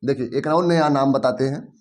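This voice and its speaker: A man's voice: medium pitch, moderate pace, darkish tone. A man with a Bhojpuri accent teaching a chemistry class, explaining step by step and often checking that the students follow.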